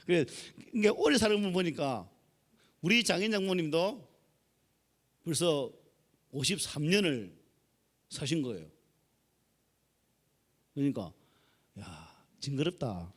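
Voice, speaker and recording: Folksy Gyeongsang pastor, lively pitch. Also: male voice, unhurried, long pauses. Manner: folksy, joking with the congregation. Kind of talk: sermon.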